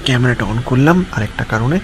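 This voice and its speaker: A man's voice: medium pitch, fast, noisy background. A man vlogging in casual chat, talking straight to his viewers from indoors. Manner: chatty, addresses viewers directly. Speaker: travel vlogger. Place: indoors on a couch at night.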